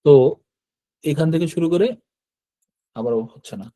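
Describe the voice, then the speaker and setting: A man teaching an online lesson on writing characters step by step. He talks patiently, repeats each stroke, and often checks in with a quick "yes". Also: fairly high pitch, mellow. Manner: patient, repeats steps, frequent "hyaan" checks. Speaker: Japanese language teacher. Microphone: computer mic while drawing with a mouse.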